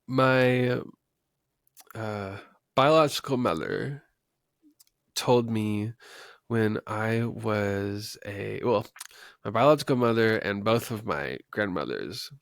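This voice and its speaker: A man's voice: fairly low pitch, lively intonation, takes it slowly, creaky, pauses often, dry recording. A man in his twenties from West Texas, hosting a podcast in casual, unscripted talk, rambling and chatty with frequent ums and small laughs. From West Texas, USA. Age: 20s. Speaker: podcast host.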